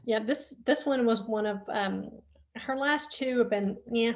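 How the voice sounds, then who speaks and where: A woman's voice: a little high, measured pace. A woman co-owner of a bookshop chatting enthusiastically about favorite books over a video call, with frequent ums. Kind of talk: casual book chat over video call.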